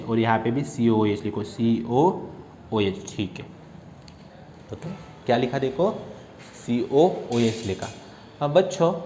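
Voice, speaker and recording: Young man, chemistry teacher, playful scolding lecture style, slightly high pitch, roomy echo. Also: darkish tone, a little hiss or hum. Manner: teasing, scolding, quick drills. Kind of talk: online lecture.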